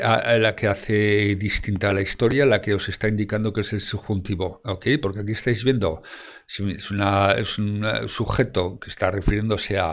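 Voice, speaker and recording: A man teaching German grammar in Spanish, explaining step by step and checking in often with the class. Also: on the low side. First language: French.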